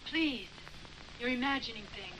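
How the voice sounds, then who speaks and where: A dismissive young woman in an old film, her high voice waving away a man's claims. Hiss and rain noise run behind her. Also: lively intonation, normal speed, sharp tone, low-quality recording. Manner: dismissive, brushing off accusations.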